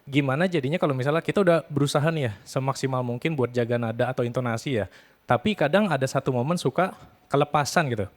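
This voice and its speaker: A man's voice: mid-range voice, fast. Polite young father asking a question. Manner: polite, tentative, adds tag "ya". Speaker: audience member asking a question. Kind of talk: audience question.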